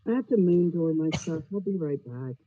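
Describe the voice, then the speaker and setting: Woman, casual chatter, muffled as though through a wall; dark, dull lo-fi sound. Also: lively intonation, normal speed, breathy edge. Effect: muffled, as if heard through a wall. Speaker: regular participant in an online audio chat. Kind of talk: casual group chat. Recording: dull, muffled low-fidelity audio.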